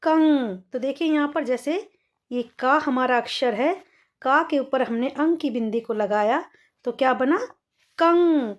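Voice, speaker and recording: A woman's voice: high voice, unhurried. A woman teaching young children to read, patiently sounding out each word and saying it twice. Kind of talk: children's Hindi reading lesson.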